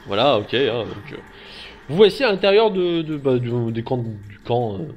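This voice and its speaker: A man running a tabletop game as game master, improvising the narration in halting, hesitant phrases. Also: medium pitch, big pitch swings.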